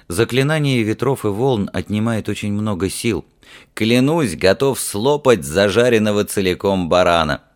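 A man's voice: on the low side, expressive, moderate pace, pitched above the performer's own voice, lightly acted. A man reading an audiobook, voicing a serious, plain-spoken ship's officer who is tired after a hard night. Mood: earnest. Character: earnest, weary male ship's officer and mage.

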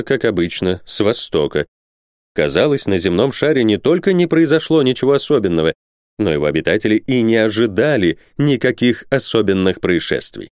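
A man reading a novel aloud as an audiobook narrator, with expressive delivery. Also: fairly low pitch, clear, resonant tone, no room sound, clean studio sound. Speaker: audiobook reader. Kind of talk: scripted narration.

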